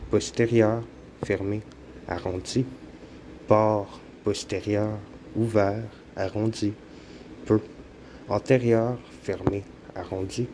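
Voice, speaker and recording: A man with a Quebec French accent giving a slow, measured scripted narration for an educational lesson. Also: lowish voice, mellow, slight background noise. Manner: slow, measured explanatory reading.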